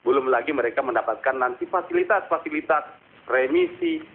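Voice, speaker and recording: A man calls in to a live phone-in, airing political opinion in an earnest, formal way, with rhetorical questions and hesitant pauses. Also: on the high side, huge pitch swings, slight background noise. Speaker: phone-in caller. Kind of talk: radio show caller airing political opinion. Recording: tinny narrowband phone line.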